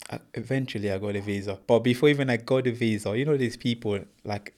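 A man's voice: medium pitch, quick pace, a little mellow. Young guy from congo, english not his first language, earnest and plain, calls the host bro. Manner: earnest, plain storytelling, says "bro" often. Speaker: guest, professional boxer. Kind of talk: casual interview.

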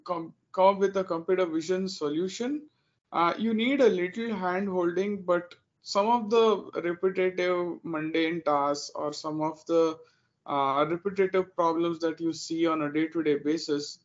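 A man's voice: high-pitched, lo-fi sound. A man in his thirties from India with an Indian accent, a guest answering interview questions, hesitant with many fillers.

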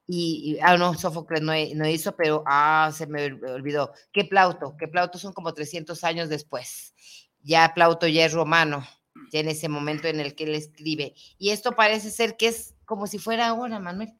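Lively woman telling a story. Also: sits low. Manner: animated, colloquial, jokey, with frequent restarts and asides. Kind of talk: casual storytelling chat.

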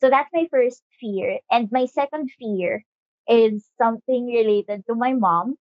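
A woman in her twenties with a Filipino accent, co-hosting a conversational podcast with emphatic, deliberate phrasing. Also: fairly high pitch, no echo. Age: 20s. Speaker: podcast co-host. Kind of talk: conversational podcast talk, mixing English and Tagalog. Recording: slightly dull, dry lo-fi audio.

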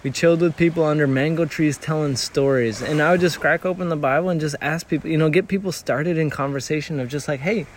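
In a conversational interview, a missionary raised in Tanzania tells stories earnestly, often restarting his sentences. His voice sits a little high for a man, and he speaks fast with hardly any pauses. Slight background noise, a faint outdoor hum, can be heard behind him.

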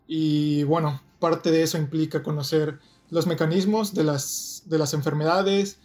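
A young man from Mexico with a Mexican Spanish accent, a guest in an interview, explaining things step by step in a measured way. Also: a little high, steady tone, a little mellow. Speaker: guest, doctoral researcher.

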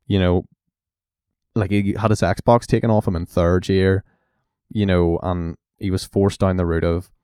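A man's voice: deep voice, darkish tone, dry recording, studio quality. A young man chatting casually on a podcast, rambling and filling his talk with "like" and "you know". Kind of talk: casual chat.

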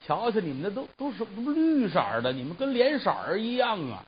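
A man's voice: high voice, huge pitch swings, unhurried, highs cut off, background noise, voice pushed up, full character voice. A man doing a cocky, mocking teenage boy. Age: late teens. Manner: mocking, boastful. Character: cocky sharp-tongued teenage boy bird keeper.

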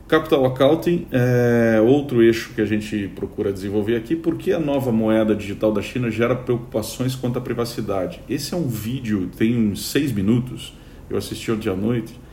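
Man, casual news roundup host, chatty, lots of fillers, gravelly, roomy echo. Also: fairly low pitch, a little mellow, slight background noise. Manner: chatty, many fillers and restarts. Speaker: podcast host.

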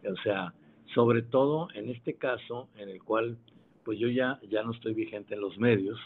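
A man in his seventies with a Mexican accent, a retired broadcaster answering interview questions in a measured, unhurried, modest way. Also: medium pitch. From Monterrey, Mexico. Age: 70s. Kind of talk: phone interview. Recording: tinny phone line.

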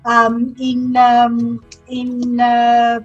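Sixties woman from sri lanka, husky, chatty storyteller on a podcast. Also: fairly high pitch, drawn-out words, highs cut off, soft background music. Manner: candid, lively storytelling with laughs. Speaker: city councillor, guest. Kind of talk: podcast interview.

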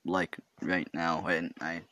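A man's voice: low voice, fairly even intonation, slow pace, sharp tone, no echo. A teenage boy with a stutter rambling through a casual solo podcast in his bedroom, full of fillers and self-interruptions. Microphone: home podcast mic.

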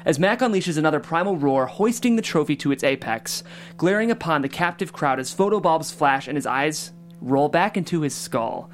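A podcast host welcomes listeners and reads stage directions for a table read, sounding chatty and upbeat. The voice is medium-pitched and animated, at a moderate pace.

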